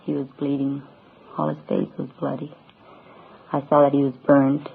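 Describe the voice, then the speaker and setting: A woman's voice: rumbling low, completely flat delivery, moderate pace, gravelly, slight background noise. A mother recounting events in an interview, plain and subdued. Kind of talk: recorded interview testimony. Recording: tinny lo-fi old radio recording.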